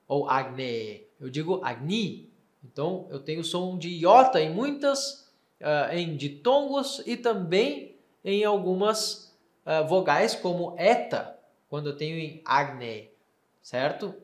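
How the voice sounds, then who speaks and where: Slow, careful male teacher in an echoey room. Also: on the high side. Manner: careful, slows down to sound out words. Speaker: Greek teacher. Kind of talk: explaining lesson.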